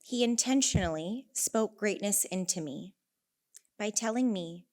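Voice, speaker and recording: A young elementary teacher from Northern California, with a California accent, delivers a prepared conference talk. Her medium-pitched voice is animated and a little mellow, at a measured pace. She's earnest and tells stories, dropping in wry asides.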